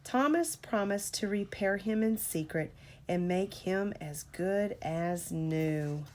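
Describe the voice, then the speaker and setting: A medium-pitched woman reads a storybook to a child in a parent's expressive, unhurried storytelling manner. There is slight background noise.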